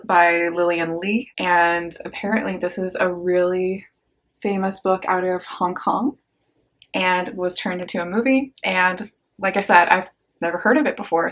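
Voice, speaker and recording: A young woman casually chatting about a book haul on her vlog, slangy and upbeat, with quick asides. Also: fairly low pitch, fairly bright tone. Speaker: book vlogger.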